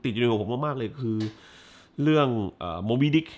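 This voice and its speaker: A man's voice: medium pitch, brisk, dull audio. A man hosting a casual film review chat, blunt and full of crude slang and swearing, hammering points with repeated words. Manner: emphatic repetitions.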